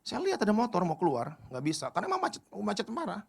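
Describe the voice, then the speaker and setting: A middle-aged male pastor giving a casual youth sermon, animated and full of colloquial slang, jumping from loud appeals to quiet stories. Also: sits high, fast talker, gravelly, breathy edge. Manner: animated, swings from loud pleas to quiet asides; storytelling with colloquial Jakarta slang.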